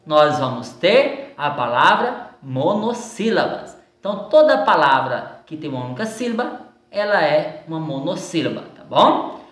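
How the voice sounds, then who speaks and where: Woman, Brazilian accent, teacher reviewing homework; slow, animated delivery, roomy echo. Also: low voice. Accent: Brazilian Portuguese. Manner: slow and patient, stretching words out syllable by syllable. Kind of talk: recorded lesson going over exercises. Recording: echoey room sound.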